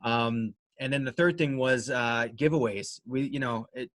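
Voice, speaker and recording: A man talks casually as an interview guest, at a middling pitch. He rambles along in a conversational way and is modest and self-deprecating about himself. The sound is dry, with little room in it. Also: normal speed, a bit bright, no echo. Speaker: interview guest, amateur runner and race organizer.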